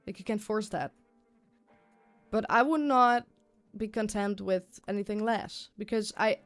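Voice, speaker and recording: A woman chatting casually on a livestream, rambling and repeating herself in an informal, sweary way. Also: mid-range voice. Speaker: live streamer. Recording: music playing behind the voice. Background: music.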